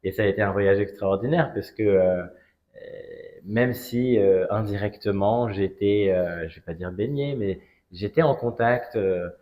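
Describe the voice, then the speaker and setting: Here a Strasbourg man in his forties, a cigar brand ambassador, appears as an interview guest recounting a personal story. His voice is fairly low and a little mellow, and he hesitates, choosing his phrases with care between frequent pauses.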